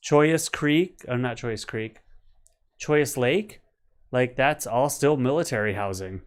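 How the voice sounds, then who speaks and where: A man's voice: medium pitch, a little slow. A man in his forties co-hosting a casual live chat from home, rambling through stories. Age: 40s. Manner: chatty, rambling storyteller. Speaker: co-host.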